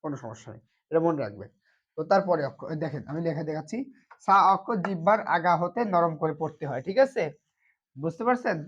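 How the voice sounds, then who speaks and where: A Quran teacher walks viewers through Arabic letters in an online lesson. The teacher repeats each point, asks a quick question and then answers it, and keeps checking in. The sound is dull and lo-fi, with medium pitch. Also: lively intonation, husky. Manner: patient, repetitive, asks and answers its own questions. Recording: dull lo-fi recording.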